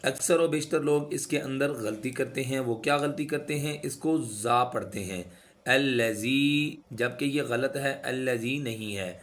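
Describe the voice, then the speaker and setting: A man teaching recitation rules, explaining each rule and then slowly chanting the words with drawn-out sounds to demonstrate. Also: mid-range voice. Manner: instructive, repeats sounds to demonstrate. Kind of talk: tajweed lesson.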